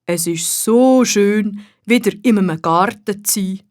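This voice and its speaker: A woman with a Swiss German accent voicing a cheerful, talkative male garden gnome in a children's storybook, slow and deep-toned. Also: darkish tone, no room sound, studio quality, lightly acted. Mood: content.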